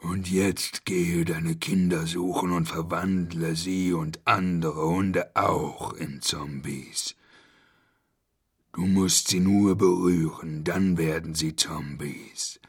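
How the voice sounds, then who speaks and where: A man voicing a slow, low, commanding lake monster. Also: steady tone, husky, full character voice.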